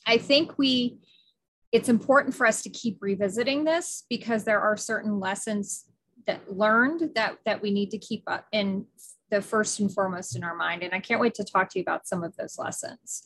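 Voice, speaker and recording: A middle-aged woman hosts a casual podcast interview, enthusiastic and chatty, often using fillers and restarting sentences. Her mid-range voice is a bit bright and moves at a moderate pace.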